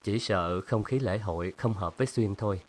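A man's voice: on the low side, normal speed, close to an everyday voice. A man reading the lines of a moody, sardonic young painter in a storybook, speaking tersely.

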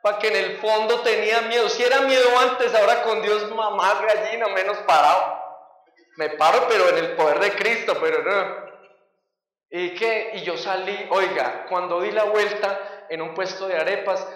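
A Colombian man preaching a testimony in a high, bright-edged voice. He tells his story with lively energy, acting out the scenes. The sound is caught from far off and rings through a big echoey hall. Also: moderate pace. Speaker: youth pastor giving a testimony. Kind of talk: sermon testimony.

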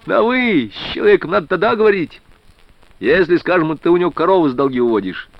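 An excitable old village peasant from a Siberian storybook, as a male narrator puts him on, pitched well above the reader's own voice and bouncing all over. He talks in rustic, folksy turns and shouts. The reading is dry and a little dull in tone. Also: fast talker, vocal fry, no echo. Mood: cheerful.

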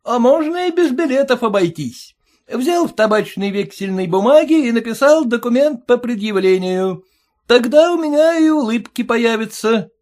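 A man's voice: very high voice, animated, normal speed, darkish tone, pitched above the performer's own voice. A man voicing a sarcastic, quarrelsome young groom who mocks his new in-laws in a jeering, indignant way. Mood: resentful.

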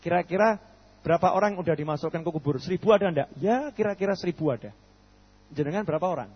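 Rapid and energetic, a male preacher acts out conversations in his sermon, asking questions and answering them on his own. His high voice has a husky edge, and the muffled lo-fi recording rings with the long reverb of a hall.

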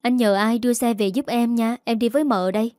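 A woman's voice: fairly high pitch, steady tone, a little fast, no echo, studio quality, natural voice. A woman voicing a frantic young woman who cries out urgently, in an audiobook story. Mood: worried. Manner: shouting, urgent.

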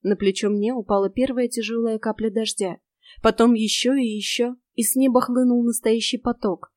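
A woman narrating an audiobook in the first person, with steady, expressive storytelling. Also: a little high, moderate pace, dry recording, clean studio sound.

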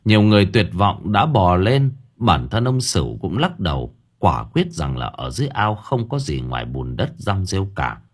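A man narrating an audiobook story with dramatic, expressive delivery. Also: sits low, moderate pace, few pauses, husky.

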